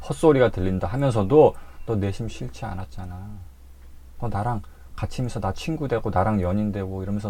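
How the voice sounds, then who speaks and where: A man's voice: lowish voice, warm tone, natural voice. A man voicing a menacing, possessive male ghost that taunts and clings to its host. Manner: taunting, insistent, mocking.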